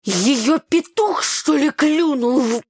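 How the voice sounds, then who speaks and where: A woman's voice: high voice, expressive, takes it slowly, darkish tone, no echo, studio quality, voice pushed up, full character voice. A woman doing a cross, snapping young brother. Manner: sulky and snapping.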